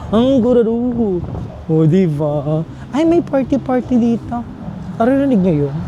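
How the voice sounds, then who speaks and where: A man's voice: extremely high pitch, very animated, moderate pace, dull audio, noisy background. A man chatting casually to his camera as a travel vlogger while walking outdoor streets at night, exclamatory and joking. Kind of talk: casual walking vlog chat.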